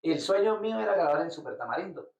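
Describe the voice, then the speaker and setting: A Colombian-born musician, guesting in a casual interview, has a gravelly yet high voice with lively intonation. He speaks haltingly, repeating words as he hunts for them. The distant mic gives a roomy, dull, lo-fi sound.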